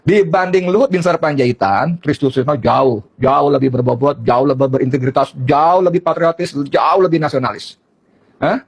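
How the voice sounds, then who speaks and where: Gravelly man ranting in a political monologue. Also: fairly high pitch, moderate pace. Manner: combative, mocking, repetitive; addresses target directly and scornfully. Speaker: political commentator.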